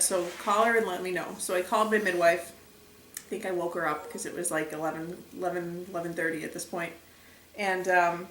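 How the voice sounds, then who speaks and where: A young woman vlogger chatting casually to the camera, retelling events with lively acted quotes. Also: mid-range voice, recorded from a distance. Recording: echoey room, a bit off mic.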